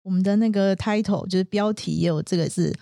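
A woman's voice: medium pitch, a little fast, gravelly, dark tone, dry recording, studio quality. A woman, co-hosting an English lesson and patiently defining words step by step. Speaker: co-host teacher.

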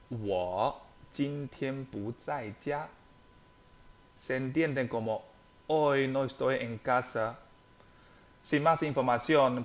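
A young man with a mid-range voice, a native Chinese speaker, teaches a podcast lesson, slowly and deliberately spelling out words and tones.

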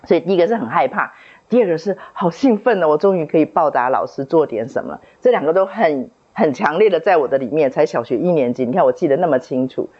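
A woman's voice: sits low, expressive, fast talker, breathy edge, dull audio. A woman in her fifties telling a personal story from childhood in an earnest, reflective way, often repeating herself as she remembers. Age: 50s. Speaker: book club member sharing a testimony.

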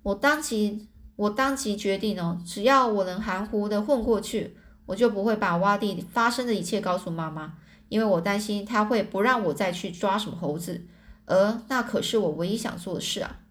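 A woman reads a novel aloud at a medium pitch, in a plain, unpolished storytelling manner. She often trips over words and goes back to correct herself. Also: normal speed. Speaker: storybook reader. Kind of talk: reading a translated novel aloud.

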